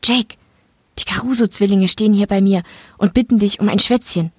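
A woman doing a nervous falsetto fence. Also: moderate pace, slightly rough, no echo, clean studio sound, natural voice.

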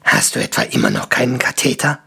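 A man voicing a grumpy, gruff old male dwarf who grunts and grumbles. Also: a bass voice, wildly swooping pitch, fast talker, sharp tone, voice pushed down, heavily acted.

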